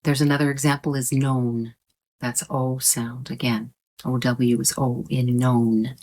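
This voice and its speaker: A woman pronunciation teacher with a low voice, speaking slowly and deliberately. She explains patiently, repeats her points and holds out vowel sounds to show them. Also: level tone, darkish tone. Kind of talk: slow explanatory lesson.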